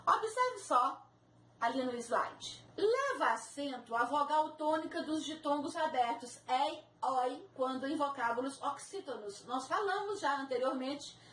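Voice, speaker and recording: Slow, high-voiced woman teaching grammar. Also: fairly bright tone. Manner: slow, deliberate, spells out and repeats examples. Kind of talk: recorded lecture with slides. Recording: echoey room, faint background noise.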